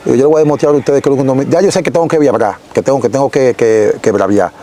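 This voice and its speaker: A young Dominican man with a Dominican Spanish accent, telling his story as an interview guest in an animated, casual way, recorded outdoors on a lapel mic. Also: medium pitch, racing, a little hiss or hum, low-quality recording. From Dominican Republic. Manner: animated, gesturing, frequent self-corrections. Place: outdoors in a rural yard.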